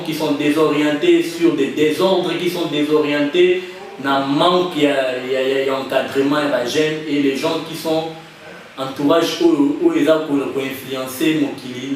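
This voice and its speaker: A young man from Kinshasa with a Congolese French accent, answering interview questions hesitantly with many restarts and fillers, slipping into Lingala. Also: mid-range voice. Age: young adult. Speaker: guest, association president. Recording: very echoey room, far from the mic, light noise.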